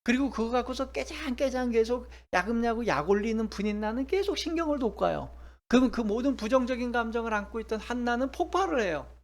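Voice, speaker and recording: A man's voice: extremely high pitch, lively intonation, fast. A middle-aged male pastor giving a sermon, emphatic, with many rhetorical questions.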